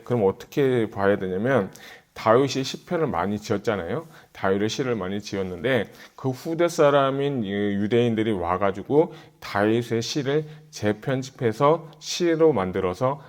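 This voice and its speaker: A man's voice: mid-range voice, a little mellow. A middle-aged male pastor giving a Bible exposition sermon, talking through his thoughts casually and turning earnest and urgent when he urges his listeners. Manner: conversational, thinks aloud, grows urgent when exhorting.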